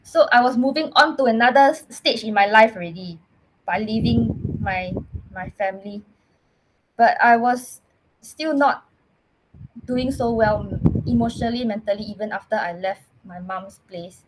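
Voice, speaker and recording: Podcast guest: woman, Singaporean English accent, earnest, halting storyteller, higher voice, noisy line with clicks. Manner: earnest, halting, restarts words often. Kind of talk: personal storytelling in casual chat.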